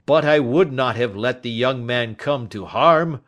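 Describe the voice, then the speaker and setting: A weary old man near death, acted by a male audiobook narrator. He is bitter and anguished, with heavy emphasis on his words. The delivery is slow and drawn out. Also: medium pitch, a bit bright, voice pushed up, natural voice. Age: older. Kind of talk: audiobook character acting.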